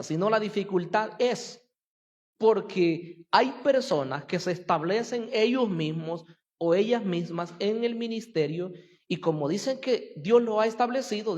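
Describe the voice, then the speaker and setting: A man pastor preaches in an earnest, questioning way, his voice sitting unusually high for a man. Long reverb hangs after each phrase, as in a large church hall. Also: a little mellow. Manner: earnest, asks the congregation rhetorical questions. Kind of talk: sermon.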